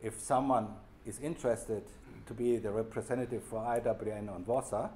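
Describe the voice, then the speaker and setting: Low-voiced German-accented man presenting. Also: steady tone, moderate pace, mellow, a little hiss or hum. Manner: unscripted, restarts phrases, plain informal wording. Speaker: program leader giving an update. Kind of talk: workshop presentation. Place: workshop room.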